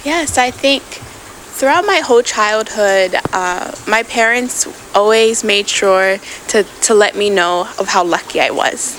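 A woman's voice: mid-range voice, slow, fairly bright tone, a little hiss or hum, rough recording. A young woman from Samoa speaks earnestly and thoughtfully in a conversational interview. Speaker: interview guest, climate activist.

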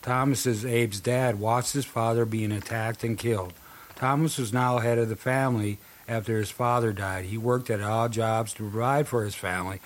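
A man's voice: medium pitch, fairly even intonation, moderate pace. Casual male conspiracy podcast host. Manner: conversational, loose, anecdotal. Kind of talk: casual podcast storytelling and history narration.

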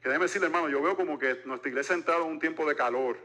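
A man's voice: a little high, rapid-fire, bright, forceful tone. A man in his forties preaching a sermon as pastor, mixing jokes into a conversational delivery. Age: 40s.

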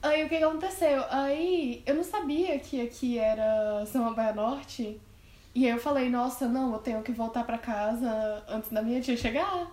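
High-voiced young woman, echoey room. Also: normal speed. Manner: animated storyteller, acts out the people in her story. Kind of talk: casual storytelling among friends. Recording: echoey room with faint ambience.

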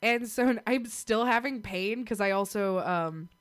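A young woman in casual chat, telling a story in an animated way, swearing freely and laughing as she goes. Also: mid-range voice, measured pace.

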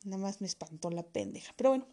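A woman's voice: medium pitch, expressive, very fast, warm tone. A woman with a Mexican accent telling a funny personal anecdote, crude and slangy, full of swearing. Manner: crude, profanity-laced, slangy storytelling.

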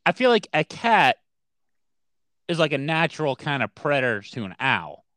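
A man's voice: on the high side, big pitch swings, bright, forceful tone, no echo. A man co-hosting a podcast in casual chat, joking easily and hedging with lots of "like.". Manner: joking, quick to laugh, hedging with "like". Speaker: podcast co-host.

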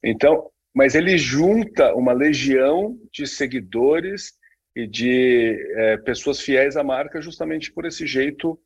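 A man's voice: mid-range voice, expressive, unhurried, slightly rough, lo-fi sound. A man co-hosting a casual talk, speaking with many fillers and restarts. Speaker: podcast co-host. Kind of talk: casual conversation on branding.

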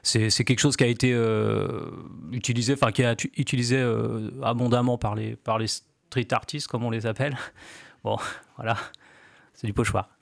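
A man in his forties, a graffiti artist guest on a radio show, explaining slowly with many fillers and restarts. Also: medium pitch, level tone, vocal fry, no echo. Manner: hesitant, many fillers and restarts, laughs lightly. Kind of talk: casual radio interview.

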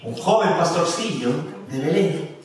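A pastor preaching a sermon, animated, with emphasis that rises and drops. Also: male voice, a little high, a little slow. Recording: echoey room from a distance.

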